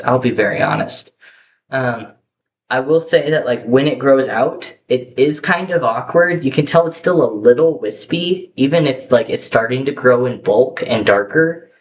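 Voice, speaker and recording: This is a young male vlogger's rambling, candid talk to camera, packed with fillers, restarts and self-corrections. His low-quality camera microphone picks up a faint background hiss.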